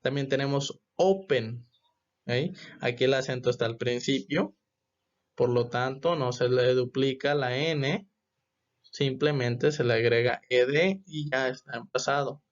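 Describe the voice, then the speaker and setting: A man teaching a grammar lesson, explaining step by step and often checking with a quick question. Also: medium pitch, dull audio. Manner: patient, repeats "¿ok?" to check understanding. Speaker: English teacher.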